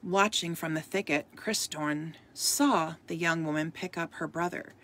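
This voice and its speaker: A woman reading a storybook aloud as a podcast host, soft-spoken and at times dropping into a whisper. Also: low voice, a little slow.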